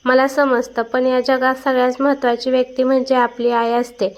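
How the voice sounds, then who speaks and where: A woman reading a story aloud and voicing a calm, firm, kind young woman. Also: sits high, moderate pace. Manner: calm, then sharp.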